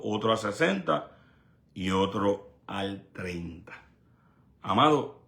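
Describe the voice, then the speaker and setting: Bright-voiced male evangelist preaching. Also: medium pitch, creaky. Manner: emphatic, repetitive preaching cadence. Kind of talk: sermon.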